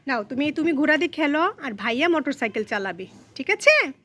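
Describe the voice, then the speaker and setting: A high, bright-toned woman narrates a casual family vlog. She turns from viewers to coax her little daughter, gentle and chatty. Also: big pitch swings, a little fast, no room sound. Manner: coaxing, talks to viewers and to a small child. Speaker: mother filming her daughter.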